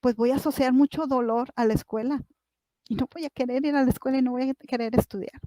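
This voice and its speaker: A woman's voice: high-pitched, fairly even intonation, fast, warm tone, no echo. A woman, a psychologist giving a workshop talk to parents, speaking directly to them with many rhetorical questions.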